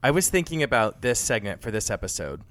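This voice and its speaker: A man's voice: mid-range voice, sing-song, fast talker, fairly bright tone. A man co-hosting a casual podcast, teasing and joking with his co-hosts. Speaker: podcast co-host.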